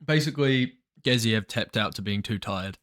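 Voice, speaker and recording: A man's voice: on the low side, moderate pace, a bit bright. Chatty, easygoing podcast co-host man. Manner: chatty, laughs easily. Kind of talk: casual chat.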